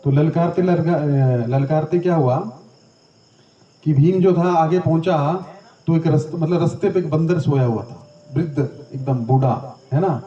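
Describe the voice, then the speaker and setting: A man's voice: a little high, unhurried, mellow. A man giving a storytelling scripture lecture in a chatty way, often turning to the audience with questions. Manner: conversational, asks the audience questions. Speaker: spiritual teacher. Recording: roomy, distant, dull lo-fi.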